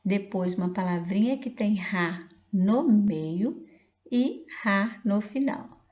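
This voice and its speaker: A woman's voice: mid-range voice, slow pace, a little mellow. A woman teaching a reading lesson to young children, patiently spelling out syllables letter by letter. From Brazil.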